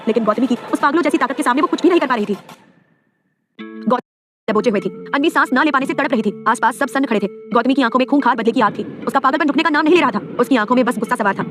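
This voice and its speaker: A woman narrating a dramatic romance audio story in a rapid, emphatic way. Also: a little high. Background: background music.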